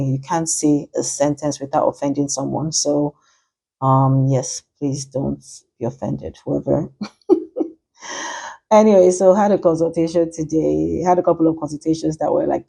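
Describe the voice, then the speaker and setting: A woman's voice: deep voice, dark tone, slightly rough. A woman, a matchmaker ranting chattily and with exasperation in a vlog.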